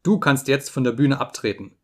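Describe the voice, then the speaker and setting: A man reading an audiobook, voicing a gravely ill detective who speaks weakly but gives urgent orders. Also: medium pitch, normal speed, lightly acted. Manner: urgent, insistent, giving orders. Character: sick feverish detective, weak but commanding.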